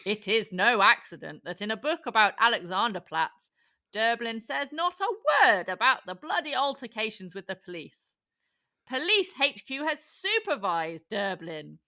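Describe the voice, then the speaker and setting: A woman's voice: a little high, very animated, normal speed, pushed and bright, full character voice. A woman reading aloud as a pompous, doctrinaire male communist critic, in a formal and scornful manner.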